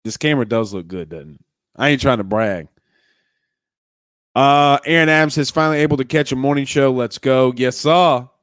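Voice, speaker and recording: With a fairly bright tone and normal speed, this young Louisiana sports podcast host rambles through a casual live-stream chat, reading comments, restarting sentences, and calling listeners "man" and "bro." His voice is smooth, resonant, a little congested, and mid-pitched, heard up close in a dry space without echo.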